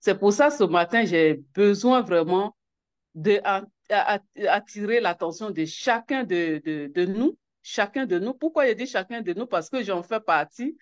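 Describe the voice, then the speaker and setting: A woman's voice: medium pitch, lively intonation, unhurried, dull audio. A woman giving an emotional personal testimony as a network coordinator, hesitant, with many restarts and repeated words. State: emotional, near tears.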